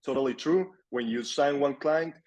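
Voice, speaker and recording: In a relaxed interview conversation, a young Colombian man who owns an agency talks at a moderate pace with a mid-range voice. He tends to repeat words when he wants to emphasize something.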